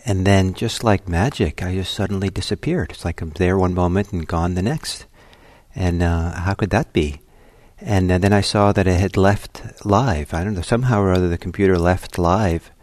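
A man giving a gentle, unhurried meditation talk before guiding a sit, with many soft pauses and fillers. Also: sits low, fairly even intonation, dry recording. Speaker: meditation teacher. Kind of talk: dharma talk leading into guided meditation. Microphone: computer livestream setup.

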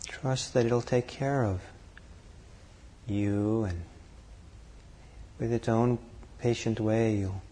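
A man leading a guided meditation, calm and unhurried, speaking in short phrases with long pauses between them. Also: lowish voice, slight background noise. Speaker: meditation teacher.

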